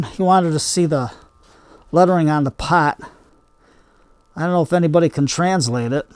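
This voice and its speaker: A man's voice: fairly high pitch, darkish tone, clear, resonant tone, dry recording. An older man hosting a hobby gardening video, chatting casually in a homespun, rambling way as he demonstrates by hand. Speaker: bonsai hobby video host.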